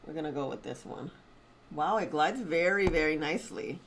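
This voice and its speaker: A woman's voice: deep voice, normal speed, slight background noise. A woman beauty vlogger chatting casually and expressively to her viewers while testing makeup. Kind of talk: casual beauty vlog chat.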